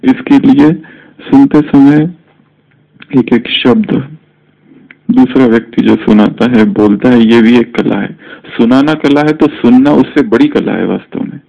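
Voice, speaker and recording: Male spiritual teacher, unhurried and gravelly, teaching a group on a dull lo-fi recording. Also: mid-range voice. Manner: slow, measured teaching with many English words mixed in.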